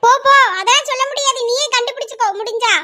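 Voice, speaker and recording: A cheeky teenage girl, as a woman voices her, bickering with her sister and teasing with playful threats. The voice is squeaky-high and piercingly bright. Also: fairly even intonation, quick pace. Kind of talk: amateur audio drama acting.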